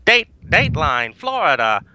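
A man putting on an old-time newsreel announcer, booming out punchy headlines. The voice rides high and loud, bright and crisp. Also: sing-song, moderate pace, no echo, full character voice. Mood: announcing. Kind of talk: podcast chat.

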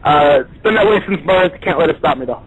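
A man's voice: fairly high pitch, expressive, brisk, breathy edge. A man in his thirties speaking casually as a guest calling in to a talk show. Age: 30s. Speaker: show guest, wrestling association chief. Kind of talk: casual call-in interview. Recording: dull lo-fi radio call-in.

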